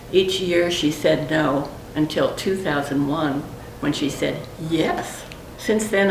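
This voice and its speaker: Woman floor captain, low and gravelly, far from the mic in a roomy space. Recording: distant echoey recording with hum.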